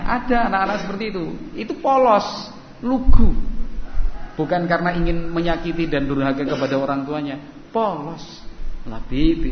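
A man preaching a sermon with a light tinge, animated and acting out family scenes. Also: mid-range voice, noisy background. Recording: echoey hall, dull lo-fi sound.

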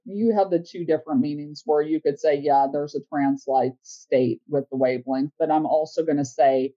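Low-voiced woman analyzing a letter. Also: dark tone, muffled recording. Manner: analytical, thinking aloud with many fillers. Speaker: co-host. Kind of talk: casual podcast discussion.

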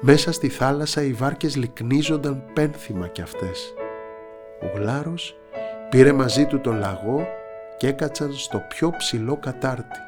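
A man narrating a children's storybook with expressive delivery. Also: medium pitch. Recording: narration over soft instrumental music.

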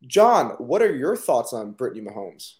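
A man guesting on a casual podcast, deadpan and wisecracking. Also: medium pitch, moderate pace.

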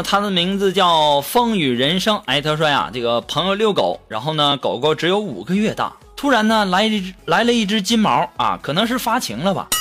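A man hosting a show, reading listener jokes in a lively, teasing comic way. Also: fairly high pitch. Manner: lively, teasing, acts out quotes. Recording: music playing behind.

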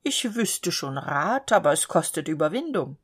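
A woman's voice: low-pitched, moderate pace, slightly rough, heavily acted. A woman voicing a sly, self-assured male cab horse in a spoken storybook. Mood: smug. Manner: calm, self-assured, scheming.

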